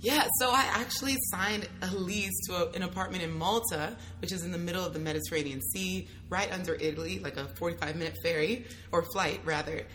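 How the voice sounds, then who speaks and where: A young adult woman, a travel content creator, talking casually as an interview guest, lively, slangy and quick to laugh. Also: fairly low pitch, a little hiss or hum. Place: at a travel festival.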